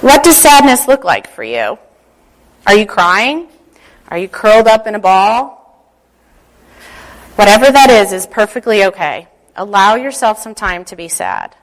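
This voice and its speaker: A woman speaking as a church leader, giving a devotional talk and guided prayer in a gentle, unhurried, instructive way. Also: mid-range voice, very animated, poor audio.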